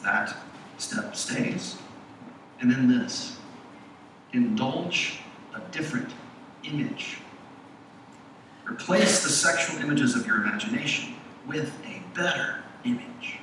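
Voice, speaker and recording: A man preaching a sermon in measured, emphatic phrases with dramatic pauses. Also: medium pitch, expressive, pushed and bright. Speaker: pastor. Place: large echoing church sanctuary. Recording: echoey hall, distant mic, background noise.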